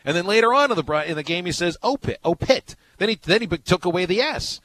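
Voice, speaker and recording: A man's voice: sits high, animated, fast, pushed and bright, rough recording. Man, sports radio host, rambling stories, faint background noise. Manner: rambling storyteller, many restarts. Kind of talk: casual sports talk.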